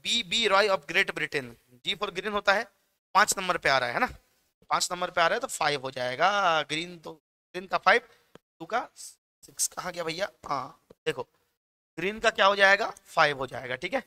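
A man's voice: sits high, animated, normal speed, bright, forceful tone. A young man with a Bihari Hindi accent teaching physics exam questions in a chatty, joking classroom manner, mixing in English terms. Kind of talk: exam-prep lecture.

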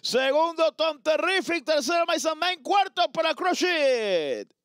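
A man calling a horse race live as commentator, in an excited motorsport-style manner with drawn-out calls. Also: extremely high pitch, dry recording, studio quality.

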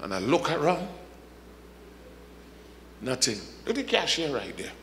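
A bright, high-voiced pastor from the Caribbean preaches with wide swings of pitch and an unhurried pace. He punches his lines with shouts and slips into joking asides. His voice rings through a large, echoey church hall. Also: wildly swooping pitch, a little hiss or hum. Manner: preaching with rising shouts, humorous asides and laughter. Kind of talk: sermon.

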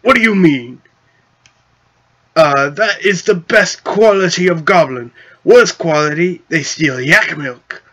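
Give me a man playing a petty goblin chief, blunt and bossy, in a fairly high, bright voice. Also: slow pace. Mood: dismissive. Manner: broken grammar, gruff bossy delivery.

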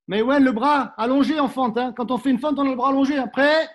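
A man's voice: very high-pitched, steady tone, fast. A middle-aged man coaching a live fencing workout class, instructive and coaxing, often adding "hein" as he demonstrates and sometimes moves away from the mic.

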